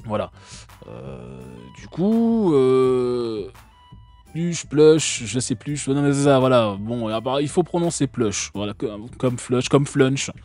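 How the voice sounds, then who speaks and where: A man's voice: mid-range voice, a little slow, few pauses, a little mellow, soft background music. A man from France hosting a live stream, talking casually and sarcastically with many fillers and restarts.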